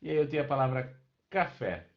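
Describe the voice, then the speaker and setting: A man's voice: medium pitch, lively intonation, a little fast. A man, teaching a live online class and patiently checking in with his students as he explains. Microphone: webcam microphone. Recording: dull lo-fi online class audio.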